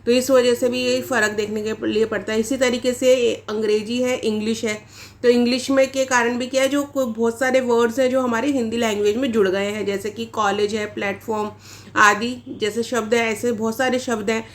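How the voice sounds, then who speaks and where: A woman's voice: fairly high pitch, steady tone, fairly quick. A woman teacher giving an exam-prep lecture, explaining points step by step and asking rhetorical questions as she goes. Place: online class recording.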